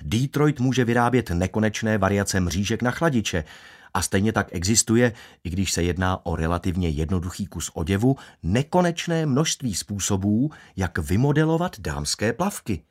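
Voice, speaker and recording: A man's voice: on the low side, lively intonation. A man narrating a first-person audiobook in a wry, ironic way.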